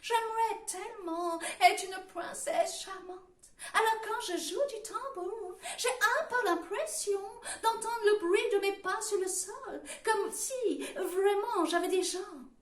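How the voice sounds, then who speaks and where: A woman's voice: extremely high pitch, takes it slowly, far from the mic, voice pushed up. A woman voicing a wistful English-accented mermaid. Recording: roomy sound from away from the mic.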